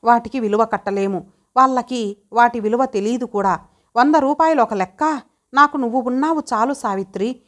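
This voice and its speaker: A woman's voice: on the high side, close to an everyday voice. A woman voicing a stern, bitter, bedridden husband in an audio story, speaking in harsh, accusing questions.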